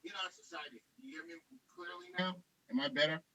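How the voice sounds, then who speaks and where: A man from Liberia speaking on a radio talk show, his call audio breaking up and cutting in and out as he lays out his points in a measured way. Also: sits high, wildly swooping pitch, bright, forceful tone, slightly rough. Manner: measured, explanatory, lists points. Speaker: guest calling in. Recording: dull lo-fi call line, dry, dropping out.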